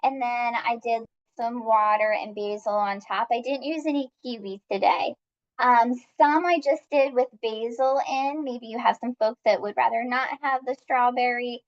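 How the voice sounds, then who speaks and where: A woman's voice: on the high side, fairly even intonation, normal speed, dull audio. A woman leading a live-streamed cooking class, upbeat and chatty as she talks viewers through each step.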